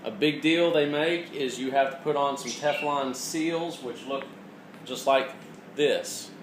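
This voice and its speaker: A man walks through a mechanical task step by step in an informal, hands-on tutorial, speaking plainly at medium pitch and a measured pace. The recording has a roomy echo and clearly audible background noise.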